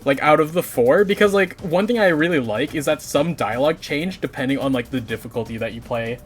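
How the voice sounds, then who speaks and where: A man's voice: fairly high pitch, a little fast. A young man chatting casually on a live stream while building a model kit, rambling and swearing lightly. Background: faint game music.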